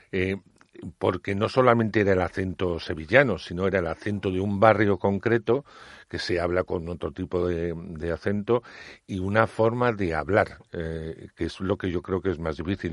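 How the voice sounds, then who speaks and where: A man interviewing an actor about a film, speaking in a measured, reflective way. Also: deep voice, no echo, studio quality. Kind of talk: conversational interview.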